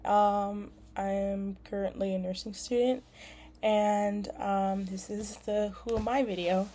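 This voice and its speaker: A woman's voice: medium pitch, fairly even intonation, slow, mellow. A young woman from California, a nursing student, casually introducing herself with frequent ums and likes. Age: young adult. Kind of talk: casual self-introduction video. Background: lawnmowers outside.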